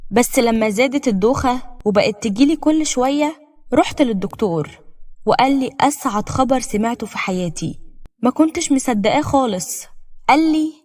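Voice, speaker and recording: A woman's voice: fairly high pitch, lively intonation, fairly quick, a little mellow. A woman with an Egyptian Arabic accent narrating a scripted first-person story in an emotional, dramatic way.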